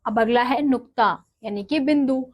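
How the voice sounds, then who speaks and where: A woman's voice: fairly high pitch, normal speed, darkish tone. A woman teaching a grammar lesson, patiently asking and answering her own questions and spelling out letters one by one.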